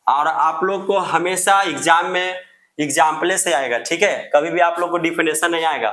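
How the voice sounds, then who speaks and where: A man's voice: a little high, normal speed, pushed and bright, reverberant. A man teaching a grammar lesson. He repeats and drills each term and answers his own questions in a student's voice.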